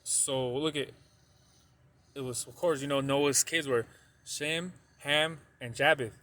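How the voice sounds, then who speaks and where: A man's voice: mid-range voice, fairly even intonation, slow pace, pushed and bright. A man giving a casual religious teaching to his video audience. He rambles, fills gaps with "you know", and repeats points for stress. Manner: rambling, heavy use of "you know" and a tag "though".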